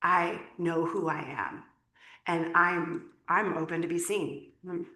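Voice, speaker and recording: A woman's voice: lowish voice, steady tone, slow, sharp tone. A woman teaching a small group in a casual, chatty way, laughing often and using many fillers. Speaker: workshop teacher. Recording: echoey room.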